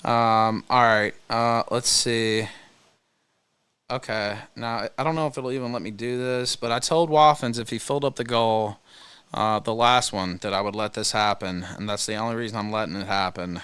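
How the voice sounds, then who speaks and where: A man hosting a livestream with casual commentary, speaking hesitantly with pauses. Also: fairly low pitch, fairly even intonation, a bit bright, clear, resonant tone, no echo. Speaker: livestream host.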